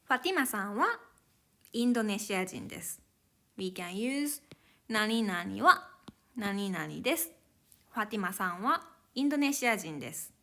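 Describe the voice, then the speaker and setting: A woman teaching a language lesson, explaining grammar slowly and carefully. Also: medium pitch, very animated, pushed and bright.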